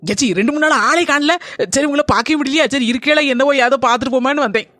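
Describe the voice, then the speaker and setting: A woman voicing a quick, chatty village neighbor. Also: high voice, a bit bright, dry recording, clean studio sound. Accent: Kanyakumari Tamil.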